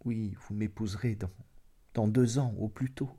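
A man reading aloud, voicing a proud, distressed young woman who speaks softly and gravely. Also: lowish voice, fairly even intonation, moderate pace, close to an everyday voice. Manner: grave, quietly firm pleading. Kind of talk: dramatic audiobook reading.

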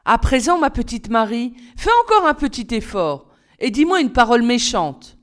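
Lady reading a charming young doctor guy, smooth, coaxing, bit sly. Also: a little high, sing-song, moderate pace.

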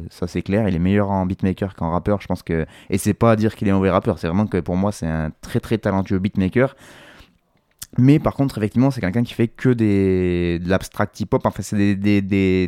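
A man's voice: on the low side, dark tone, clear, resonant tone, dry recording, studio quality. A man hosting a music show, reviewing an album in a casual, hesitant way with many fillers and restarts.

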